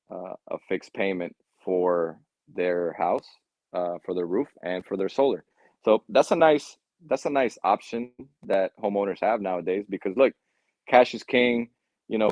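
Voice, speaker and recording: A man's voice: sits low, a little mellow, no room sound. Man in a dull lo-fi call. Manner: stammering restarts, says "man" and "right?" often. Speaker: solar sales guest. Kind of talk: casual livestream interview. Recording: dull lo-fi, dry sound.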